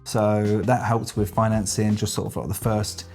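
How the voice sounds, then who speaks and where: A man's voice: fairly low pitch, flat delivery, normal speed, creaky, a little mellow, soft background music. A man from the UK, a family travel vlogger, talking in a chatty, joking and sarcastic way as he chats with his partner. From United Kingdom. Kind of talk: casual chat.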